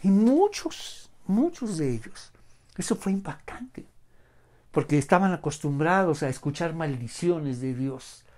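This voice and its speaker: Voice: medium pitch, very animated, unhurried, mellow. A Bible study teacher giving an online lesson, speaking emphatically, asking rhetorical questions and often using the filler "vamos".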